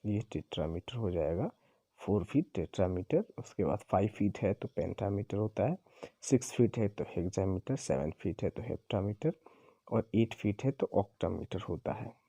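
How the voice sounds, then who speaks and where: Dark husky-voiced male teacher. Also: on the low side, animated, no room sound. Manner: explains slowly, repeats and corrects himself. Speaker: English teacher. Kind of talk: exam-prep lecture.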